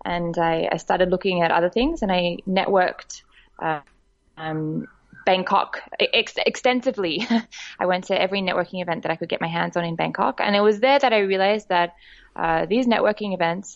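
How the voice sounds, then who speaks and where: A woman talks in a podcast interview, recounting her path in an easy, chatty way with plenty of fillers. Her voice sits on the low side for a woman. The recording is somewhat dull and muffled. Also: a little fast, vocal fry. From Australia. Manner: warm, chatty storytelling with frequent laughs and fillers. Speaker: guest, director of a women's network.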